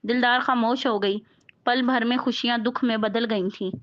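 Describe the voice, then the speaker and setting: A woman's voice: on the high side, moderate pace. Woman narrating a sad story. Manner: steady, sorrowful narration. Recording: dull lo-fi recording.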